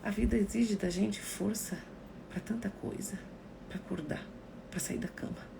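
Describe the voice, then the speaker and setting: Gravelly-voiced woman psychologist. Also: medium pitch, moderate pace, noisy background. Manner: expressive, acts out quoted remarks. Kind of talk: live-stream talk to viewers.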